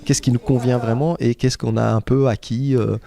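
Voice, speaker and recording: In a relaxed interview, this actor-playwright, raised in Guinea by a Lebanese-born family, reflects with frequent hesitations and fillers. His voice is medium-pitched, gravelly and warm, fairly even in intonation and at a normal pace.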